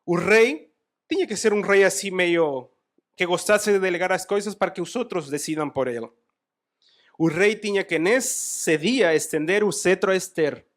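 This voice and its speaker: A man preaching a sermon in a church, retelling a Bible story with animated asides. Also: high voice, moderate pace.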